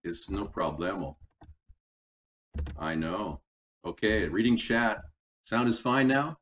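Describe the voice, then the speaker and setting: Chatting away to his stream while he cooks in a home kitchen, this man rambles casually in a lowish, slightly bright voice that is expressive and slow. He's far from the microphone, a built-in gaming laptop mic. The result sounds tinny, like a tin can, with faint noise.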